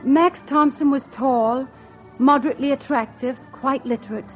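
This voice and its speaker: This 1940s radio drama features a woman's high-pitched voice, lightly acted and at an ordinary pace. She portrays a wry, lovelorn single woman on holiday describing her hopes, sounding dry, genteel and wistful over muffled audio with music.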